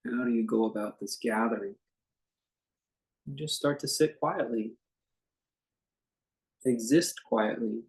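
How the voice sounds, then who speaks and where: This meditation teacher, a man with a creaky mid-range voice, speaks without a script in a relaxed, conversational way. His gentle phrasing comes haltingly, with long stretches of silence.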